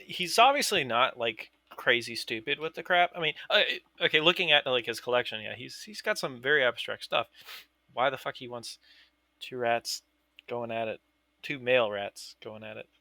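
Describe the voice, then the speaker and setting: A man's voice: medium pitch, animated, moderate pace, creaky, bright, forceful tone, no echo. A man from Pittsburgh co-hosting a podcast, teasing the others and laughing often in casual banter. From Pittsburgh, Pennsylvania. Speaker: podcast co-host.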